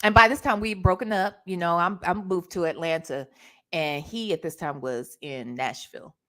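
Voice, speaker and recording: At normal speed and a fairly low pitch, a middle-aged woman from Ohio hosts a casual livestream storytime. She talks in an animated, emphatic, sassy way, frequently checking in with the listener through tag questions.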